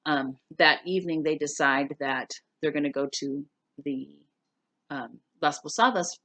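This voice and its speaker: Speaking to students, a woman teacher talks through their class novel and reads the story aloud in a casual, simple way. Her voice is low-pitched and a bit bright, recorded dry.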